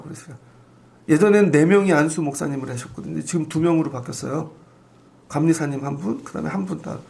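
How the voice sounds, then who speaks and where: A man's voice: fairly high pitch, vocal fry. A middle-aged man preaching a dawn church sermon, casual and conversational, often acting out the voices of the people he quotes. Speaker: pastor. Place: church sanctuary.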